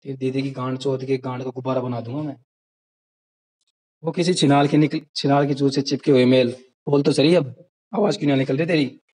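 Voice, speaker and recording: A husky, slightly breathy man's voice at a middle pitch, heard through a phone on a screen-recorded voice call. He is caught in a heated rant, aggressive and taunting, insulting the listener without letting up. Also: fairly even intonation, brisk, pauses often, darkish tone, low-quality recording. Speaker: caller in a group voice call.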